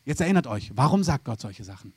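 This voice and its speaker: Lively German-speaking preacher, dry sound. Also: male voice, mid-range voice, quick pace, slightly rough, no echo. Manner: lively, switching between scripture reading and acted inner voices. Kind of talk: sermon.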